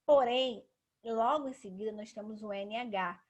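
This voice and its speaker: A woman's voice: on the high side, a little slow. A woman with a Brazilian Portuguese accent giving a patient classroom grammar lesson, often checking in with tag questions. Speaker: teacher.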